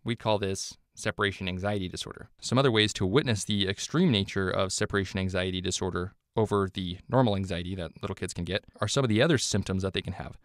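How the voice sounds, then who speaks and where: A man giving a scripted medical lecture, explaining clearly and offering memory hooks. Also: low voice, quick pace, few pauses, no room sound, clean studio sound.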